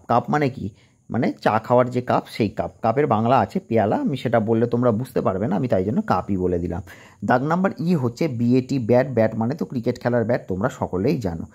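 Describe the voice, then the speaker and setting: Husky man patiently teaching young kids. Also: mid-range voice, a little mellow. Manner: patient, spells words letter by letter and translates them. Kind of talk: explaining an exam paper to young children.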